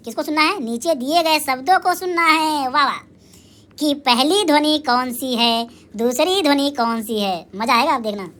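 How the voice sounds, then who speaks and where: High bright-voiced woman teaching children. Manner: asks and answers her own questions; drawn-out sounding of syllables. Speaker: primary school teacher. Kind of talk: lively recorded lesson for young children.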